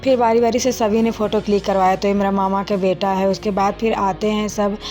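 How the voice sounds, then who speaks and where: A young woman narrates her own wedding video in a casual, chatty voice-over, speaking straight to her viewers as if they were friends and using lots of fillers. Her mid-range voice is level, brisk, and a little mellow, with faint music behind.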